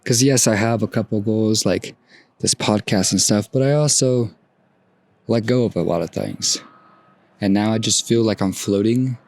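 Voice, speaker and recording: A young man in his twenties with a fairly low voice talks slowly through his thoughts on his own podcast. He muses softly, trails off and starts sentences over, recorded outdoors at sunrise. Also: creaky. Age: 20s. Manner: soft-spoken, musing, trails off and restarts. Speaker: podcast host. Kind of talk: reflective solo podcast monologue.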